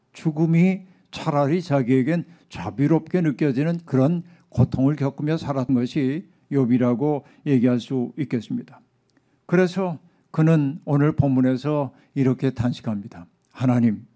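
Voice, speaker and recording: Mellow-voiced man preaching a reflective sermon. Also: a little high. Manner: measured, reflective preaching with soft asides. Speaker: pastor.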